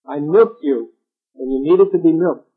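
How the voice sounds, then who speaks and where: A man's voice: fairly high pitch, a little slow, husky. A man voicing a poor young servant girl in a told folk tale, speaking earnestly in a slightly raised voice. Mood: pleading. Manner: pleading, earnest. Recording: tinny phone-like line.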